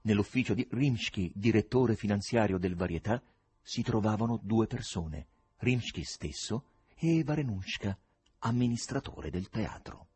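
A man reading a novel aloud in a measured storytelling manner, with the odd wry aside. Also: fairly low pitch, animated, a little mellow, husky. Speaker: audiobook reader.

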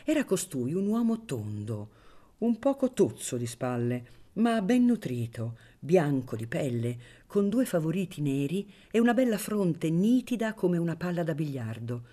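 A woman reading a classic novel aloud for radio, in a measured, expressive way. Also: sits low. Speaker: reader of a novel. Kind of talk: literary audiobook reading on radio.

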